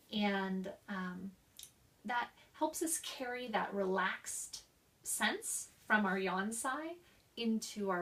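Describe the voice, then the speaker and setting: Young woman, slow, gravelly voice, instructional tone, a bit off-mic. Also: mid-range voice, a bit bright, far from the mic. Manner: demonstrates exercises with coughs, sighs and slow linked speech. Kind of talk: explaining voice exercises.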